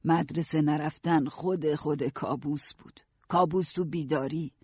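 A husky, slightly high man's voice reads a story aloud in the first person, steady and even. The recording is dry and dull, like a lo-fi studio. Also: dry recording. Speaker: narrator. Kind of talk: audiobook narration.

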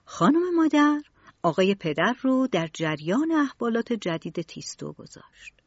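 A woman storyteller narrating a children's storybook in an expressive, varied way. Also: medium pitch, dry recording. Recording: dull lo-fi recording.

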